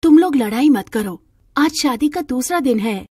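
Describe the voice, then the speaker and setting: A woman voicing a gentle, patient middle-aged mother-in-law. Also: high-pitched, animated, normal speed, husky. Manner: kind and patient.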